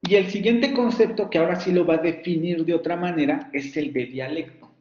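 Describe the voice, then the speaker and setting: A man's voice: fairly high pitch, brisk, a little mellow. Male university lecturer, patient explainer on a video call; roomy, muffled sound. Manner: explanatory, often checks students follow. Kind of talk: online lecture. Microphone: computer mic on video call. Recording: echoey, dull lo-fi call audio.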